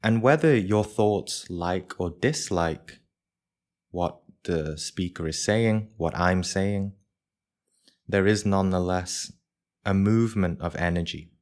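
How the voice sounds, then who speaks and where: A meditation teacher guides a group live, speaking in measured short phrases separated by pauses. His voice is deep and darkish.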